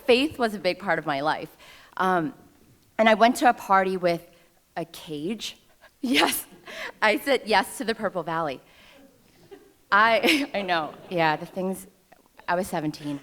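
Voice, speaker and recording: This is an alumna from New York City, in her thirties, delivering a self-deprecating, wryly funny personal story at a ceremony, speaking into a podium microphone before an audience. Her mid-range voice is expressive and a bit bright, paced in a measured way with frequent pauses.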